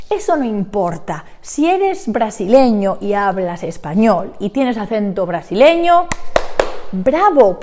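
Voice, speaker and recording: A woman's voice: a little high, dark tone. A young woman teaching Spanish pronunciation in an online lesson, animatedly demonstrating sounds aloud.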